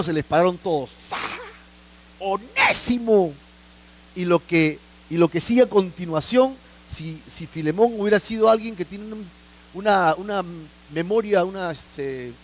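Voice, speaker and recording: A man's voice: high-pitched, darkish tone, poor audio. A man preaching a Bible sermon, conversational, often adding tag questions and acting out little scenes. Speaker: pastor. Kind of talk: expository sermon.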